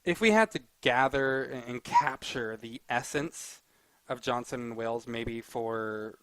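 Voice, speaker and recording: A man doing live play-by-play as an esports caster, excitable and conversational. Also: medium pitch, no room sound, poor audio.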